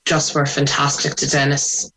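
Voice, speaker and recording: A woman's voice: deep voice, monotone, normal speed, a bit bright, poor audio. Irish woman, west of ireland accent, talking about her life in an interview, thoughtful, bit hesitant. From Sligo, west of Ireland. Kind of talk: personal interview, recounting memories.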